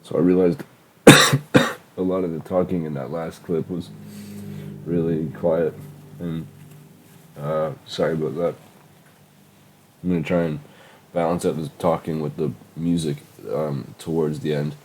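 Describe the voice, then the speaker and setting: A late-teen young man, congested from a heavy cold, rambles through casual screen-recording commentary as he reviews his old music, swearing and using lots of fillers. His very deep voice is a little slow with little pitch movement and frequent pauses. The audio is poor, with slight background noise.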